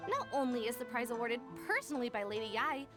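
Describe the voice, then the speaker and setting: High-voiced, cheerful lottery attendant, excited prize announcer, very animated delivery, video game, music behind. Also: female voice, fast. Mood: proud, announcing. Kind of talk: scripted game dialogue.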